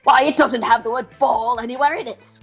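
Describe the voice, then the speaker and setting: Brief: a woman as a hearty cartoonish tiger coach in a game, husky and folksy. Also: a little high, steady tone, a little fast, faint music behind. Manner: folksy drawl with homespun sayings. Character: folksy middle-aged male tiger gym coach, hearty.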